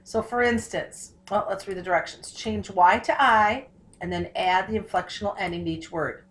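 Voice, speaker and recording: A woman teacher walks through a recorded phonics tutorial. She stretches out words and letter patterns slowly so each sound is clear. She poses questions and answers them herself. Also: medium pitch, steady tone, a bit bright. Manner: slows down and stretches words to model spelling and syllables.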